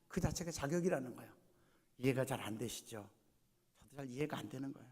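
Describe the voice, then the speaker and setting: Korean pastor preaching in a reverberant church. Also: male voice, mid-range voice, expressive, fast, darkish tone, slightly rough. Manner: rhetorical questions, acts out voices of people in a parable. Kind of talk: sermon. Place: church sanctuary. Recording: long reverb of a church hall.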